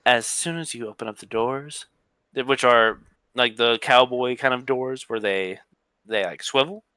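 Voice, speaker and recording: A man's voice: mid-range voice, unhurried, pushed and bright, clear, resonant tone, no echo. A man narrating as game master of a tabletop game, casual and rambling with lots of fillers.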